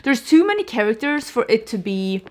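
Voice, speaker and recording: Reviewing books casually on camera, a young Swedish woman speaks in a fairly high, very animated voice at normal speed. Swedish is her native language. Her chat is packed with fillers, self-corrections, frequent restarts and "like."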